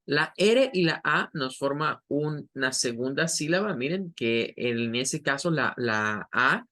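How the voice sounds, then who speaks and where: A man's voice: mid-range voice, lively intonation, pushed and bright. Patient male English teacher. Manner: patient, explanatory, models English words slowly. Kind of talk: online pronunciation lesson.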